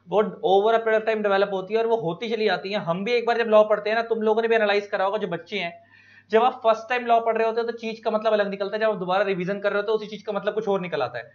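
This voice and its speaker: An Indian man lecturing students, explaining each point slowly with examples and stretching key words. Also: high voice. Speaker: teacher. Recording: dull lo-fi recording.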